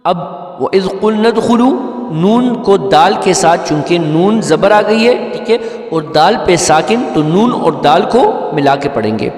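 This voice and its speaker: A man's voice: fairly high pitch, animated, a little mellow. A man teaching Quran recitation step by step, patiently explaining each letter and often checking that his listeners follow. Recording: echoey room with long reverb, faint music.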